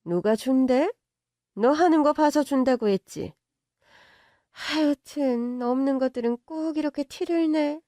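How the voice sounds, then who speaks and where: A woman's voice: high-pitched, a little slow, warm tone, no echo, clean studio sound, pitched above the performer's own voice. A woman voicing a haughty, contemptuous middle-aged mother-in-law who scolds and belittles in a story drama. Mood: scolding. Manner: sneering, bossy, scolding in banmal. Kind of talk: audio drama story reading.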